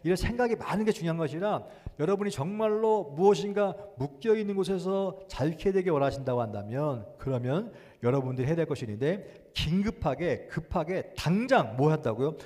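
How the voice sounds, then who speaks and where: A man preaching a Sunday sermon as pastor. He moves between loud, urgent exhortation and quiet musing, acts out inner thoughts in a small voice, and drops in short English phrases. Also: on the high side, lively intonation, brisk, few pauses. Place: church sanctuary. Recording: long church reverb.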